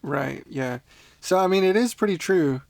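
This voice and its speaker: A man with a gravelly, creaky edge to his voice leads a relaxed podcast language lesson. He talks patiently and laughs often, recorded on a close mic in a dry, dead-sounding room. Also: high voice, moderate pace, no room sound. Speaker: language teacher.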